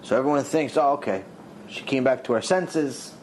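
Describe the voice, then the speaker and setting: A man's voice: normal speed, a little hiss or hum, rough recording. A rabbi telling a dramatic story in a sermon, acting out the characters' lines as he goes. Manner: dramatic storyteller, voices the characters with big pitch swings.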